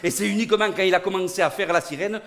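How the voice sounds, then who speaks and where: Guy spinning a funny story, highish bright voice, lots of bang boom noises. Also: quick pace. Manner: lively, animated, full of sound effects. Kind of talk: comic storytelling performance. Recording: studio recording.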